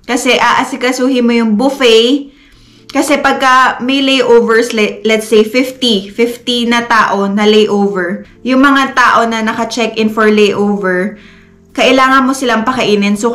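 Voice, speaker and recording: A woman's voice: on the high side, a bit bright. A woman from the Philippines, a vlogger chatting to camera and venting candidly and earnestly to her viewers. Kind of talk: casual chat to camera.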